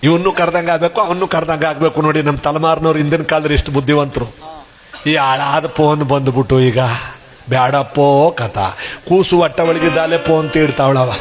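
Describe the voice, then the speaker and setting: A man telling a humorous devotional discourse, lively and acting out villagers' voices. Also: on the high side, brisk. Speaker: devotional storyteller.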